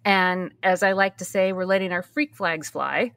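Interviewed in a relaxed conversation, a podcast host in her early fifties talks openly and thoughtfully, repeating phrases to stress her points. She speaks at a moderate pace with a fairly low pitch and a fairly bright tone, and the recording is dry.

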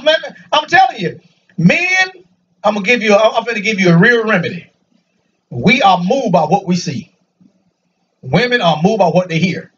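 A man preaching a lively sermon to a congregation in a church, joking and calling out for answers. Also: sits high, a little hiss or hum. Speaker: pastor. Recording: dull, distant church recording.

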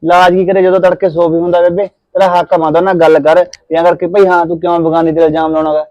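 A man plays a young husband arguing his wife's side to his mother. His voice sits high and the words come fast and insistent. The sound is close and dry. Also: little pitch movement, darkish tone, dry recording, lo-fi sound, natural voice. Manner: insistent, persuasive. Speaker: son. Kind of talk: Punjabi short film acting.

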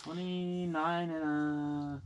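A man's voice: fairly high pitch, flat delivery, drawn-out words, muffled recording, a little hiss or hum. A young man fishing with a friend, talking playfully and whooping and laughing when a fish comes up, recorded by a camera inside a small ice fishing tent. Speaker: fishing partner. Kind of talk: casual chat while ice fishing.

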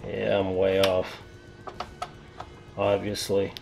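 Gravelly-voiced man narrating a PC repair. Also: deep voice, completely flat delivery, slow pace, darkish tone, faint music behind. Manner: rambling, self-deprecating, talks to himself while working. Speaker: PC hobbyist vlogger. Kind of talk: casual narration while working on a PC.

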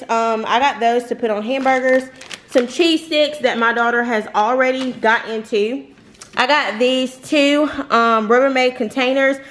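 A young woman in her twenties chatting casually through a grocery haul vlog at home, rambling and laughing often. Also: fairly high pitch. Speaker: vlogger. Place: home kitchen, indoors. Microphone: camera on the counter.

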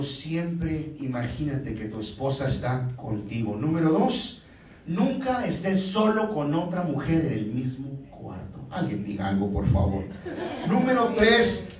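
A middle-aged man gives a humorous talk to a church audience. His high voice swings widely as he tells stories and laughs at his own jokes. The sound comes from a distance, with heavy echo and a crowd in the room. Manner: animated storytelling, chuckling through his own jokes. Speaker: guest speaker at a church couples dinner. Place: large church hall with a live audience. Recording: very echoey hall, heard from afar, audience.

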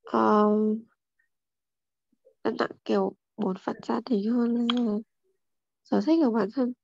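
A woman's voice: fairly high pitch, steady tone, takes it slowly, gravelly, a little mellow, dull audio, a little hiss or hum. A young student answering her teacher's questions hesitantly, with many fillers. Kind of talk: answering in a tutoring lesson.

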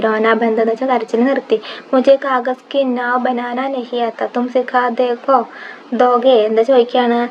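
A woman teaching a Hindi story lesson, reading lines slowly and then explaining them with quiz questions. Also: a little high. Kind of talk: line-by-line textbook explanation. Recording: dull lo-fi audio with faint background hiss.

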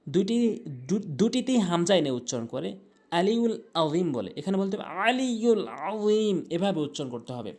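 A man teaching correct Quran pronunciation, switching between slow drawn-out chanted recitation and plain explanation. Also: high-pitched, darkish tone.

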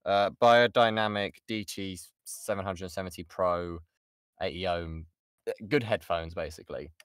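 A low, clear, resonant voice belongs to a British voice actor speaking at normal speed, informally taking online workshop questions and making light of himself. Recorded on an XLR studio mic in an insulated padded booth at home, it has studio quality and no room sound.

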